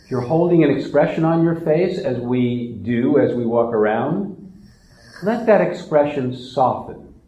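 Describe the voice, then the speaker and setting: A man leading a guided relaxation meditation in a slow, soft, soothing manner. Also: mid-range voice, animated, echoey room, poor audio.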